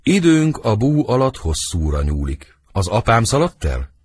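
A man reading the part of Romeo, a brooding lovesick young nobleman, in husky, lyrical verse for an audiobook. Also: very animated. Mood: wistful. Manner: lyrical verse reading, wide swings in pitch.

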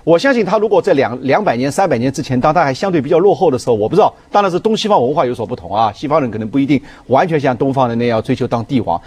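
A man's voice: medium pitch, lively intonation, racing, hardly any pauses, a little mellow, breathy edge. A middle-aged man giving casual commentary as a studio guest, explaining and repeating phrases for emphasis. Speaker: talk show guest. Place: TV studio at a table.

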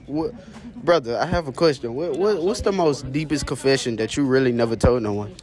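A man's voice: mid-range voice, a little fast. A teenage boy hosting a playful street interview at a school, asking questions on a handheld phone. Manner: playful, loud banter. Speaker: host. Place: school hallways and grounds. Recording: noisy crowd around.

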